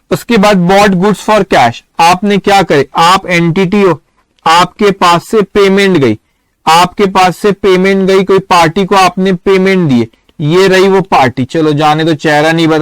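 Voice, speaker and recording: A man's voice: high-pitched, smooth, no room sound. A man teaching accounting in a live online lecture, asking students questions and answering them himself.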